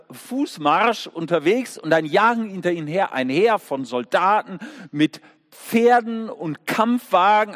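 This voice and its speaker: Lively high-voiced preacher in echoing church. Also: male voice. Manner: lively storytelling preacher with rhetorical questions. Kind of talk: sermon. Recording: long echoing church reverb.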